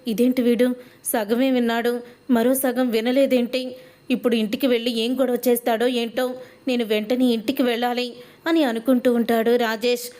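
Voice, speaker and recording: A woman casually retelling a TV serial's episode, reading every character's lines in the same flat retelling cadence. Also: a little high, moderate pace. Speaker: storyteller recapping a TV serial.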